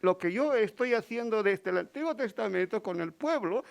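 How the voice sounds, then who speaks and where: A man's voice: sits high, animated, moderate pace, vocal fry. A man with a Spain Spanish accent preaching a Sunday sermon in church, stopping to ask the congregation rhetorical questions. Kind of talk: Sunday sermon with Bible readings.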